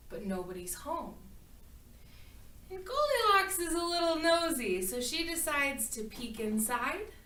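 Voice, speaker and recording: A woman telling a fairy tale as a speech, expressive with dramatic pauses. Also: sits high. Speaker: speaker telling a story. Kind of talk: storytelling speech. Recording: echoey room, far from mic.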